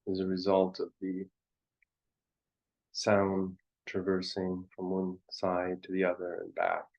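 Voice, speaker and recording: A man with a low voice and a darkish tone leads a guided meditation as teacher. He is contemplative, offering short, faltering phrases punctuated by long pauses, and the recording is muffled and dull.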